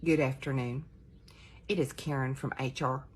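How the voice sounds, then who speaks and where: A woman's voice: rumbling low, fairly even intonation, normal speed, breathy edge. A woman doing a comic sketch, repeating one greeting in a string of mimicked accents. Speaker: TikTok comedian.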